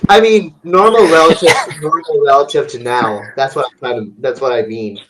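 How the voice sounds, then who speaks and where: A man's voice: medium pitch, moderate pace, crowd noise. A man in his twenties talking bluntly and crudely in a casual group chat, often restarting his sentences. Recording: noisy recording with audible hiss.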